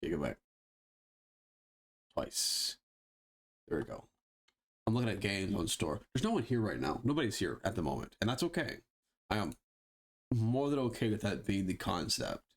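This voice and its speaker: A man with a lowish voice gives loose, live commentary over a game stream. His pitch swings widely as he muses, mutters to himself and drops sarcastic, profane asides. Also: very animated, normal speed, long pauses, slightly rough. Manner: chatty, swears freely, sarcastic asides; talks to himself while browsing and fiddling. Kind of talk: casual live gameplay commentary.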